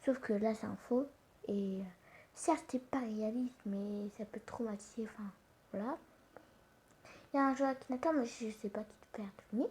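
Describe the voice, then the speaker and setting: Woman, fairly high voice, hesitant, self-correcting, half-whispered asides, phone mic, faint background noise. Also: moderate pace, a little mellow. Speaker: gaming channel host. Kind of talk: casual mobile gaming commentary. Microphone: phone screen recorder mic.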